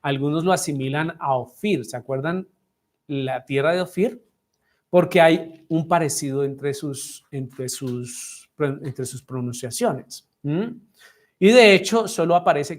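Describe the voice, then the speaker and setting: A man with a Colombian accent, a messianic pastor teaching a Bible study to a class and asking them frequent questions. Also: on the high side. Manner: asks the class frequent questions, measured and deliberate. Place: congregation room with listeners.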